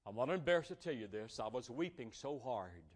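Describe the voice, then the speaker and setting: A man's voice: mid-range voice, big pitch swings, a little fast. A male pastor preaching a sermon, telling a personal story and stretching out key phrases for emphasis.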